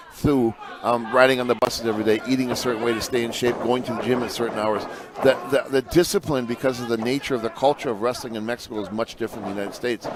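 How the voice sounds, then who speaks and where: A man giving conversational color commentary as a lucha libre announcer, colloquial and emphatic, often repeating phrases. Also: medium pitch. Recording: noisy venue with crowd behind.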